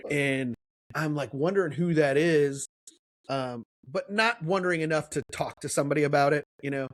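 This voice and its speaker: On the high side and at a moderate pace, this man's voice comes through in studio quality with no echo. He's a Kansas City podcast co-host rambling through a long story in casual chat, dramatizing the quotes.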